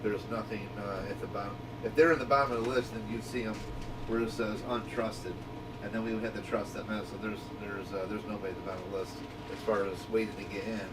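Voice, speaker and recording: Heard from afar against background noise, this man speaks in a lowish, steady voice at a quick clip. He runs a walkie-talkie group channel as a radio shop owner, walking listeners through things in relaxed, homespun how-to talk.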